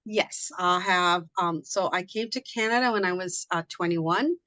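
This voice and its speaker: A woman's voice: lowish voice, a little slow, pushed and bright, no room sound, low-quality recording. A middle-aged woman from Liberia, speaking casually as an interview guest, talking in a chatty way with many fillers and restarts. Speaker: guest, immigration consultant.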